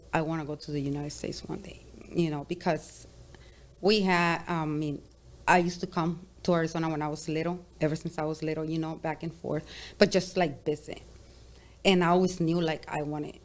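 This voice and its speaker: A young woman from Sonora, Mexico, chatting openly as a podcast guest, full of "like" and "you know". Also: low-pitched. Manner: open, chatty, says "like" and "you know" often. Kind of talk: casual interview chat.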